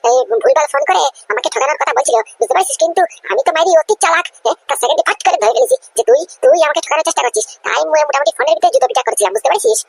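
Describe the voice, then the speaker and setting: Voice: high-pitched, animated, rapid-fire, vocal fry, hardly any pauses. A performer voicing a greedy middle-aged aunt in a cartoon comedy, stammering and talking her way out of a lie. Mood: blustering. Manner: stammering, nervous, then bragging.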